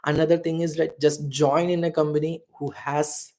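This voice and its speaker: A man's voice: on the high side, little pitch movement, normal speed, a little mellow. A man, shivering in the cold outdoors, hosting a live Q&A and giving earnest career advice full of fillers. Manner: earnest, rambling, with many fillers. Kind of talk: live Q&A chat.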